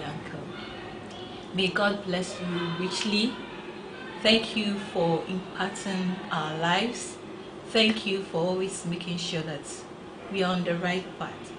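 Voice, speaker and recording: A woman giving a sing-song birthday message. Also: on the low side. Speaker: well-wisher. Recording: echoey room with background noise.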